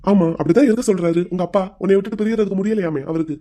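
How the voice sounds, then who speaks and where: A voice actor playing a patient young groom who gently coaxes his bride to open up in a cartoon. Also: medium pitch, rapid-fire, close to an everyday voice. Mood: coaxing. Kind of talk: Tamil cartoon voice acting.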